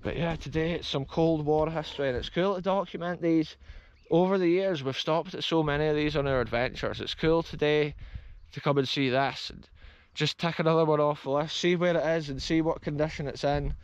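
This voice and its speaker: With his action camera held close, a Scottish man in his thirties roams an open grassy field, telling "folks" all about it with real enthusiasm. He speaks fairly quickly with few pauses in a clean, fairly even voice on the high side, and the recording's highs are cut off.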